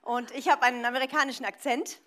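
A woman's voice: sits high, steady tone, quick pace, fairly bright tone. A woman interpreting a preacher live, phrase by phrase, in a consecutive style.

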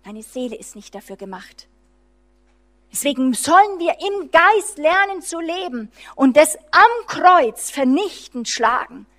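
A high-pitched woman delivers a fervent charismatic sermon. She preaches freely, restarting sentences, and drops from loud emphasis to a near whisper. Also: sing-song, measured pace. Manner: fervent, swings between loud emphasis and hushed low lines; frequent restarts and fillers while preaching freely.

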